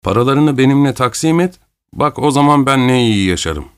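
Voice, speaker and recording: A man's voice: mid-range voice, very animated, measured pace, a bit bright, pitched above the performer's own voice. A man reading a story aloud, voicing an angry, defiant young vagabond who is freezing cold.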